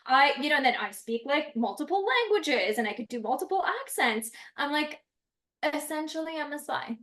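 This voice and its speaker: Animated higher-voiced woman, native French speaker. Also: moderate pace. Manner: animated, expressive, laughs often. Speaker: actress guest. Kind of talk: casual chat.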